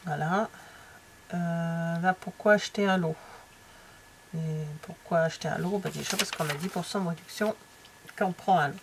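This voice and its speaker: A woman's voice: on the low side, moderate pace, long pauses, a little hiss or hum. Chatty, hesitant French woman. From France. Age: middle-aged. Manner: chatty and hesitant, many fillers and trailing asides, drops to near-whispers. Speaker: craft vlogger flipping through a stamping catalogue. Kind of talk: casual chat.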